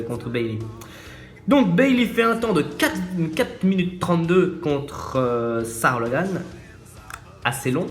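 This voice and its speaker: A man casually recapping a wrestling show, hesitant, with many fillers and restarts, recorded on a phone. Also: on the high side. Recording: echoey room, faint music.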